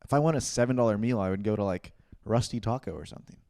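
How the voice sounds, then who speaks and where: Young guy, lowish smooth voice, rambly podcast chat with lots of likes. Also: rapid-fire, darkish tone, dry recording, studio quality. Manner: rambling, filler-heavy, laughs easily. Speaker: podcast co-host. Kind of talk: casual chat.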